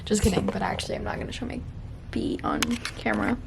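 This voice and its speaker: Getting ready at her bathroom mirror, a twenty-something vlogger talks quickly and softly to a tripod-mounted camera, giggling as she goes. Her medium-pitched voice is fairly level in intonation and has vocal fry. Pop music runs underneath, adding background noise.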